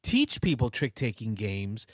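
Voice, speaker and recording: A man's voice: fairly low pitch, sing-song, unhurried, no echo, studio quality. A man in his forties hosting a call-in show, chatting casually and telling stories. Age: 40s. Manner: chatty, storytelling. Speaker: host. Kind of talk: casual chat.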